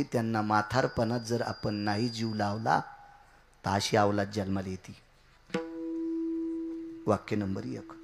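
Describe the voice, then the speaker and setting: A man preaches a devotional kirtan sermon, swinging between shouted, high outbursts and low, quiet asides.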